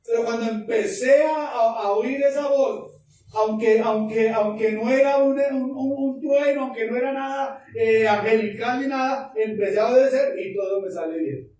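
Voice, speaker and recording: Here the preacher's voice is very high yet darkish, moving at a moderate speed as he repeats himself with fervor and emphasis. The sermon was captured from afar in a reverberant church hall, with a little noise underneath.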